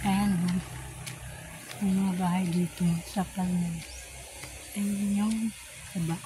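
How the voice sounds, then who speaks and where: A woman's voice: medium pitch, slow. A woman narrating her uphill walk for a casual vlog, out of breath and chatty. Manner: chatty, narrates her walk, turns loud and excited greeting family. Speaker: vlogger. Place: outdoors on a street. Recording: loud street noise behind.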